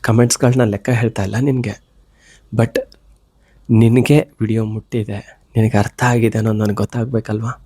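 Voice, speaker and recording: A man with a fever, giving an earnest devotional pep talk straight to the viewer, pleading and gently coaxing. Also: on the low side, level tone, a little fast, long pauses, husky, dry recording, studio quality. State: unwell with a fever. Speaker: devotional motivational speaker. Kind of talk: direct heartfelt address to the viewer.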